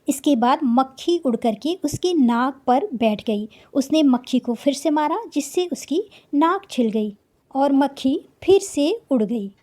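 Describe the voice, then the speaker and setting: A woman's voice: high-pitched, darkish tone. A woman teacher reading a children's story aloud and patiently explaining the meaning of each word.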